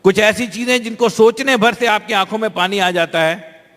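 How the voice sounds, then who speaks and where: High-voiced male interpreter in a hall. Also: normal speed, a bit bright. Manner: fluent, conversational, with small restarts. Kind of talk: live consecutive interpreting. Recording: long hall reverb.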